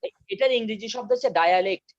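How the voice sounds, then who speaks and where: High-voiced man teaching a class online. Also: muffled recording, slight background noise. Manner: repeats key terms slowly for notes. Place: home, video call. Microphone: video call mic.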